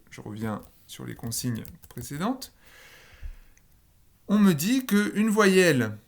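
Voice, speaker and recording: A man teaching a linguistics lesson in French. He walks through the rules step by step, with fillers and small asides. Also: medium pitch. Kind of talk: recorded screen lesson.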